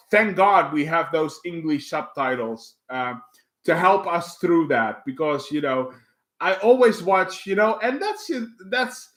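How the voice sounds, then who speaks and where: On his livestream, a Dutch-accented man who is a native Dutch speaker reads viewer comments and chats casually, rambling with lots of fillers and restarts. His voice is on the high side, with a fairly bright tone.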